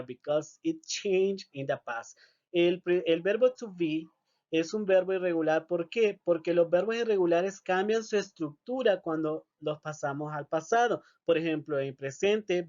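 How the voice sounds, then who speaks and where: Man, teacher, slow, repeats words, slightly high voice. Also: a little mellow, dull audio. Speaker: English teacher. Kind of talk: recorded video lesson.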